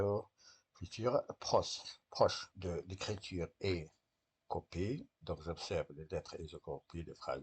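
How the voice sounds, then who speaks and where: Deep husky male teacher, patient. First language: Arabic. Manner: patient, step by step, asks and answers his own questions. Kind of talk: correcting a French test for young pupils.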